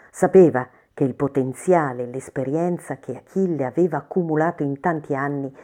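A woman reads a story aloud in a measured, expressive manner. Her voice sits low, with a dark, mellow tone and a steady storybook narration style.

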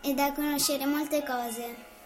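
A woman voicing a gentle, curious young boy prince from another planet, asking soft questions. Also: high-pitched, fairly even intonation, takes it slowly, faint music behind, voice pushed up. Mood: earnest.

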